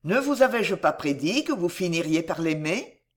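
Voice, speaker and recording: A reader voicing a bold, good-humored chevalier in a storybook who swears playful old oaths. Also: male voice, high-pitched, sing-song, moderate pace. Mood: hearty. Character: bold, jovial male swordsman chevalier. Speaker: storybook character. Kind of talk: dramatic audiobook reading.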